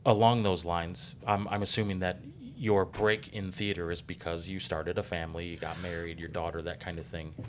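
A man's voice: deep voice, flat delivery, moderate pace, few pauses, a little hiss or hum. A man hosting a podcast interview, talking in long earnest stretches filled with ums. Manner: rambling, frequent ums, earnest. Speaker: podcast host.

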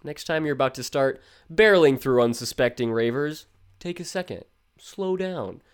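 A man voicing an eager, cheesy infomercial pitchman with a salesy, exaggerated delivery. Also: animated, moderate pace, clean tone, lightly acted.

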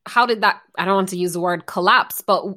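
A woman's voice: mid-range voice, fairly quick, sharp tone. Curious woman podcast host. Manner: curious, asks follow-up questions. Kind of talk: casual interview.

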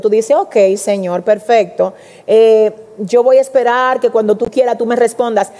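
Woman preaching in a reverberant hall. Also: on the high side. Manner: animated, addresses congregation directly, acts out quotes. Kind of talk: sermon.

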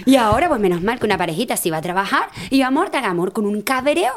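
A woman, a podcast guest telling stories in a lively, laughing way and acting out the lines she quotes. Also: a little high, very fast. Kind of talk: casual chat, storytelling.

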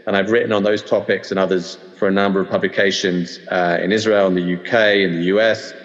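A deep-voiced London man from the UK hosts a casual podcast discussion, speaking briskly in a level tone but hesitantly, filling gaps with lots of ums and uhs. The remote audio sounds dull and roomy.

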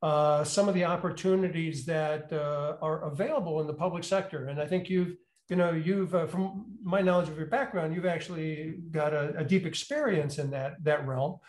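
A man's voice: fairly high pitch, normal speed, darkish tone. A man hosting an interview, with many filler uhs and repeated words as he asks questions. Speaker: interviewer, university executive in residence. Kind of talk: hosted interview. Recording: roomy echo.

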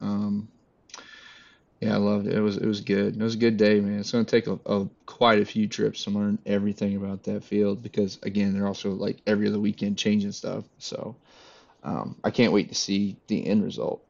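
A man's voice: lowish voice, level tone, fairly quick, gravelly, darkish tone. A man who organizes airsoft games, chatting casually on a podcast in a rambling, laid-back way with lots of fillers. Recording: dull lo-fi audio.

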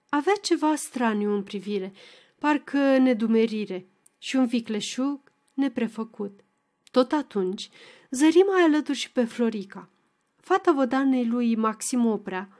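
A woman narrating a novel as an audiobook, in an expressive, dramatic reading. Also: fairly high pitch.

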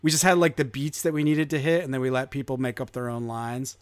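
A man's voice: medium pitch, little pitch movement, fast talker, no room sound. Laughing, rambling podcast host man. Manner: laughs often, rambling with fillers. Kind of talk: casual chat.

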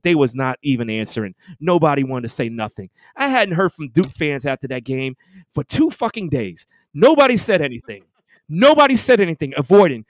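Heated, animated man ranting on a podcast. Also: on the high side, no room sound, clean studio sound. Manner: animated, profane trash talk; gloating, heated. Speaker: podcast host. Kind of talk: casual podcast rant.

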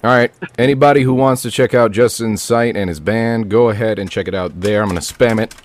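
A man's voice: on the low side, brisk. A man hosting a casual chat over a voice call, joking and easygoing. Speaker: podcast host. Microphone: voice call headset.

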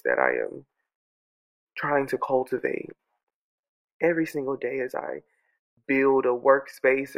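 At home, a congested man records a reflective audio journal into his own studio microphone, speaking softly and earnestly. He keeps circling back and restarting sentences as he muses. His mid-range voice is gravelly, and the recording quality is low.

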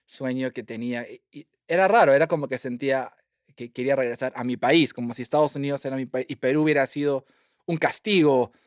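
A young man, a guest telling his story in a lively way and slipping English phrases in among fillers. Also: mid-range voice, fairly quick, dry recording, studio quality. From Peru. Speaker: guest scientist. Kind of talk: casual interview storytelling.

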